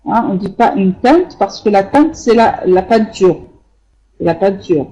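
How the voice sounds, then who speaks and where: A French teacher whose first language is Arabic goes over students' sentences in a live online class. The delivery is very slow and unhurried, with a soft, mellow tone. Corrections come with frequent fillers and patient repetition. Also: medium pitch, expressive, highs cut off, a little hiss or hum. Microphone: computer microphone in an online class.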